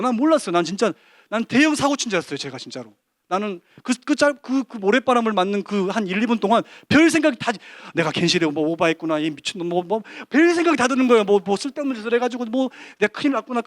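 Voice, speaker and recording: A man giving a lively testimony at a church service, telling an animated story full of quoted dialogue. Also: sits high, no room sound, clean studio sound. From Korea.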